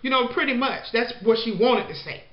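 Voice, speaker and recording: A woman's voice: on the high side, animated, brisk. A woman recapping a show in a casual, chatty way, full of "you know" and "like," and slipping into the voices of the people she quotes. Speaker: show reviewer. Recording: echoey, dull lo-fi room sound.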